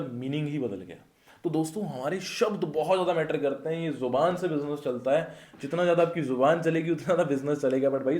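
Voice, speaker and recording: A man talks viewers through business advice in a casual, animated way. He keeps asking rhetorical questions and pushing them to act. His fairly high voice bounces around an echoey room. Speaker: network marketing trainer. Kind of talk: casual Hinglish training talk to viewers.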